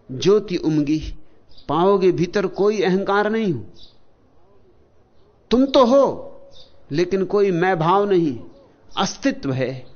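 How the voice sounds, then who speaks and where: A man delivers a spiritual discourse at a very slow, deliberate pace, with long pauses between single words. His fairly high voice rises and falls in wide, lively swings. The recording sounds dull and lo-fi, like an old archive tape. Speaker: spiritual teacher.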